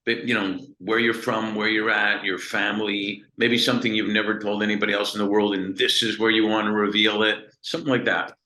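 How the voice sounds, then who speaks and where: A man's voice: fairly low pitch, flat delivery, a little fast, hardly any pauses, bright, forceful tone, echoey room, rough recording. A man in his fifties from Montreal, hosting an interview in a chatty, easygoing way and laughing easily. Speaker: interview host. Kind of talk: casual interview talk.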